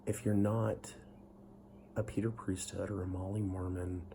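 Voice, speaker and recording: A young man talks straight to his audience in a blunt, frank personal monologue, swearing freely and getting heated at times. His voice sits fairly low and has a gravelly, fry-edged texture with a dark, mellow tone. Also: little pitch movement, a little slow, slight background noise. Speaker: vlogger.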